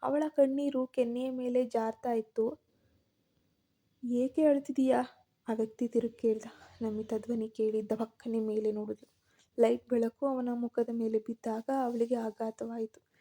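A woman narrating a scripted story with steady, measured reading. Her voice is fairly high yet very dark and mellow in tone, and it stays flat and even throughout.

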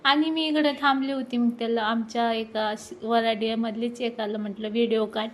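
A woman in her thirties chatting excitedly to viewers while filming a family ceremony at home on her phone. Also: fairly high pitch, moderate pace. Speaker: vlogger. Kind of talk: casual vlog narration. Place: at home during a family ceremony, indoors and outdoors. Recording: faint background noise.

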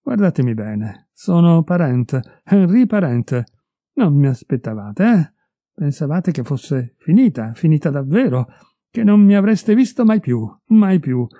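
A man's voice: on the high side, sing-song, unhurried, dark tone, no echo, clean studio sound, heavily acted. A man doing a furious betrayed husband. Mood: furious, accusing. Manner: raised, heated and accusing. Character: wronged middle-aged husband, bitter and furious.

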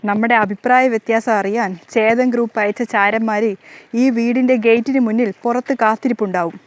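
A woman's voice: on the high side, steady tone, brisk, natural voice. Woman voicing a proud, short-tempered young husband. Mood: stern.

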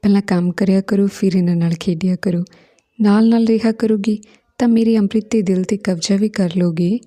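A woman reading the part of a tearful, worried young wife who speaks softly, at times in a whisper. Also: medium pitch, steady tone, fairly quick, close to an everyday voice. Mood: anxious.

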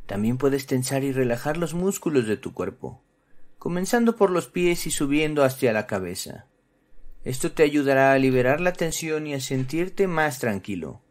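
Casting: male children's explainer presenter, mid-pitched, highly animated intonation, instructive scripted read. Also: moderate pace. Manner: instructive, addressing children directly. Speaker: presenter of a children's psychology channel.

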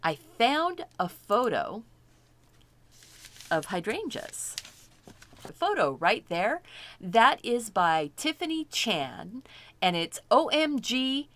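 A woman's voice: medium pitch, big pitch swings, slow, fairly bright tone, no room sound. A middle-aged woman teaching a step-by-step painting lesson, chatty and thinking aloud as she works, delighted by her own results. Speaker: art instructor.

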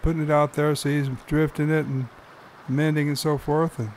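A man's voice: on the high side, flat delivery, moderate pace, darkish tone, slight background noise. A man hosting and narrating his own fishing video in an easygoing, folksy explaining manner. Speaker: fly-fishing guide and host.

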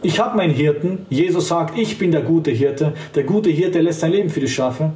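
A man's voice: on the high side, normal speed, darkish tone. A man preaching as an evangelist, fervent and emphatic, speaking directly to the listener. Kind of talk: street-style preaching to camera. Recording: roomy sound, voice from a distance.

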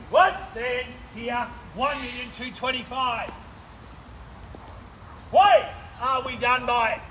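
This is a high, steady-pitched man calling an auction out on a suburban street. He keeps repeating the current bid and pushing the buyers to raise it. He is heard from far off by the camera over loud outdoor noise. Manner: brisk, repetitive bid calling, pressing buyers to bid. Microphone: far camera, no mic.

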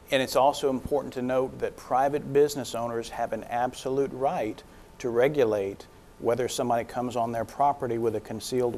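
A man's voice: medium pitch, a little mellow, slight background noise. A middle-aged man speaking as a district attorney, explaining methodically in a public service announcement. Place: small indoor studio. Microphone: lapel mic.

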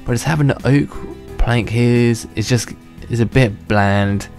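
Unhurried and a little mellow, a young gaming host's mid-range voice delivers loose, rambling commentary while he plays. His sentences restart, he chuckles to himself, and illness has worn his voice slightly; faint music plays below.

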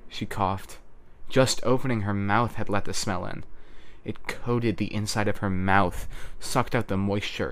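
A man narrating an audiobook chapter in a measured, even storytelling manner. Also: lowish voice. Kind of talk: scripted narration.

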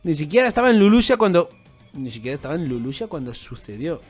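A man reading out the lines of a calm, self-assured young male revolutionary in a plain voice. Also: fairly high pitch, fast talker, slightly rough, soft background music. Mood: matter-of-fact.

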